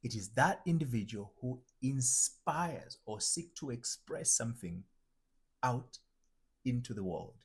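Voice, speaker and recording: An identity transformation coach from Tanzania speaks in a mid-range, slightly rough male voice that is expressive and unhurried. His motivational teaching monologue is reflective and circles back to restate ideas, and he often repeats or restarts phrases while developing a point.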